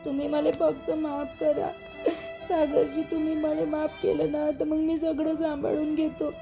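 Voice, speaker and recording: A woman's voice: sits high, completely flat delivery, measured pace, music in the background. A woman playing a tearful young daughter-in-law pleading with her husband, crying, in a Vidarbha Marathi dialect. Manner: pleading, apologetic.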